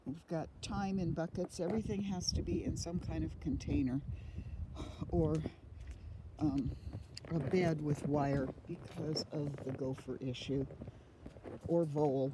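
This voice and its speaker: A middle-aged woman strolls through an outdoor garden, chatting casually into a handheld phone. She talks at an unhurried pace with frequent ums. Steady rain noise sits clearly under her voice. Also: deep voice. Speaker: homesteader giving a garden tour. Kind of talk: casual walking tour narration.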